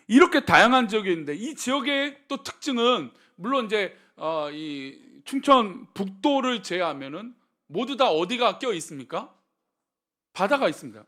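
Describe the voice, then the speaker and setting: A man's voice: sits high, fairly bright tone. A male pastor giving a sermon, telling humorous stories and asking the congregation rhetorical questions. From Seoul.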